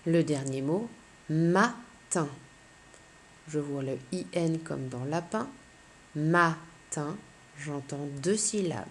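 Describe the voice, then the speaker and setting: A woman teacher giving a slow, clear phonics lesson to young children, patiently spelling out letters one by one. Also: low voice, mellow, a little hiss or hum.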